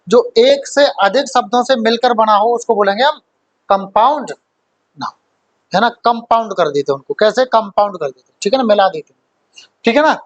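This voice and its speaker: A man's voice: very high voice, low-quality recording. Man teaching a grammar class. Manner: quizzes students, repeats key points; mixes English terms into explanations. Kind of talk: classroom lecture.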